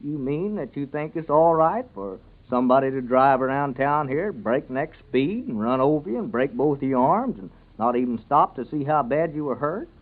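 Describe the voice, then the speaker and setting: An actor playing an earnest, plain-spoken small-town neighbour with a rural Southern American accent in an old radio comedy serial. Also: male voice, mid-range voice, animated, normal speed, few pauses, close to an everyday voice. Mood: indignant, insistent. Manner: folksy, earnest. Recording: narrow, tinny vintage radio recording.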